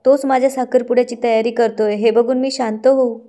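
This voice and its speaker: A heartbroken young woman from a TV serial pleads and scolds, voiced plainly by a woman narrator. The voice sits a little high. It has a soft, warm tone. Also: steady tone, a little fast, lightly acted. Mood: upset.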